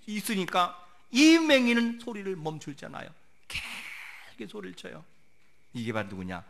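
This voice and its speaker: A man delivering an emphatic sermon as pastor, his voice pitched high and sharp-edged. He leans on rhetorical questions and moves between quiet passages and loud peaks. His pitch rises and falls widely. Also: slight background noise.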